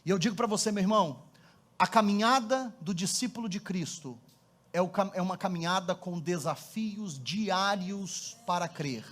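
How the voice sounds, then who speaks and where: High-voiced Brazilian pastor preaching. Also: male voice, normal speed. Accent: Brazilian Portuguese. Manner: animated storytelling, building to fervent appeals. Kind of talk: sermon.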